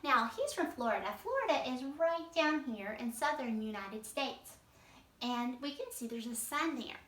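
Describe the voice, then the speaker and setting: A woman's voice: high voice, lively intonation, normal speed, fairly bright tone. A woman teaching kindergarteners, patiently explaining a story step by step in a read-aloud lesson. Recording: echoey room, mic at a distance.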